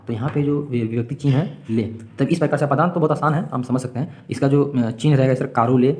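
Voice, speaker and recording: A man rattles through a grammar lesson for exam students at a brisk clip. His pitch sits in a middle range. He repeats each example and keeps asking his listeners rhetorical questions. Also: steady tone, darkish tone. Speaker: teacher.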